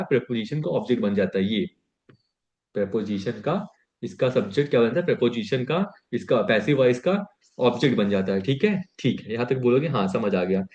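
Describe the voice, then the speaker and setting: A man's voice: mid-range voice, a little mellow. Guy teaching grammar online, keeps asking the class questions, kinda muffled lo-fi audio. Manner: explains by repeated questions. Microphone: webcam or built-in mic. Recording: lo-fi dull sound.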